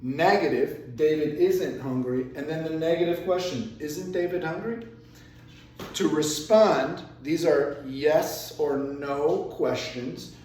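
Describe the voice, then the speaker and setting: A man's voice: fairly high pitch, slow pace, few pauses, a little mellow, far from the mic. A man teaching an English grammar lesson, explaining patiently step by step with repeated examples. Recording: echoey room, voice from off-mic.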